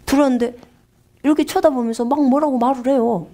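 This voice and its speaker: A woman's voice: high voice, steady tone, fast talker, warm tone. A woman preacher giving a sermon, telling stories animatedly and often addressing the congregation.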